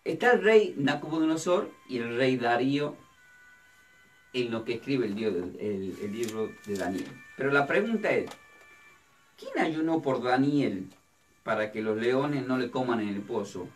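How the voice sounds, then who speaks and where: A man's voice: medium pitch, sing-song, unhurried. A man, a pastor teaching a Bible study sermon, who asks his listeners questions and then answers them himself. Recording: distant mic with faint music.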